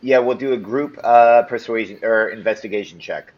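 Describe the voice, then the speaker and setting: A man narrating as game master for a tabletop game, relaxed with frequent ums. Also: fairly low pitch, moderate pace. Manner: casual, lots of ums and restarts. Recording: slightly muffled with faint noise.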